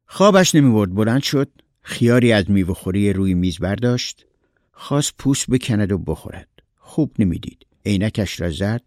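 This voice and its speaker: A man narrating a short story in a calm, measured reading voice. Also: fairly low pitch, no echo, studio quality.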